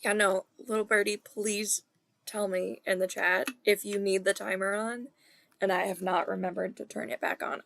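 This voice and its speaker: A woman streaming a co-working session, thinking aloud in casual self-deprecating chat with soft muttered asides. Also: medium pitch, creaky, dry recording.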